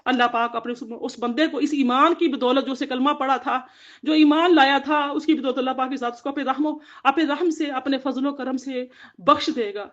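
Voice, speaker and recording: A woman's voice: high-pitched, fairly bright tone. A woman giving an earnest devotional Quran commentary to women, exhorting them in repeated phrases. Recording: dull lo-fi audio.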